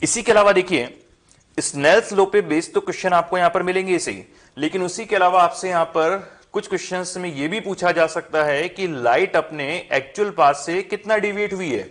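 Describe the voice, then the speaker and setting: A man's voice: high-pitched, brisk, fairly bright tone. A young man teaching a physics lesson, posing questions to the class and answering them himself. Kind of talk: classroom lesson explaining at a board.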